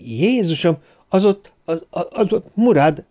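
A man's voice: sits high, lively intonation, warm tone, voice pushed up. A man voicing a terrified man crying out in panic, in slightly dull lo-fi audio.

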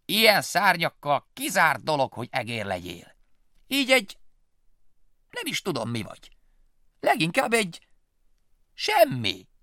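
A man's voice: on the high side, very animated, bright, forceful tone, dry recording, studio quality, pitched above the performer's own voice. A man voicing a cocky male bat who mocks and teases in a storybook reading. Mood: mocking. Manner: teasing, laughing, slangy.

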